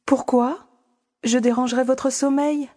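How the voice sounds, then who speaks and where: A woman's voice: sits high, steady tone, measured pace, mellow. A young woman voicing a timid, innocent young woman in an audiobook drama, polite and hesitant, pleading. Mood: shy. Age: young adult. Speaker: audiobook voice actor. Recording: long reverb.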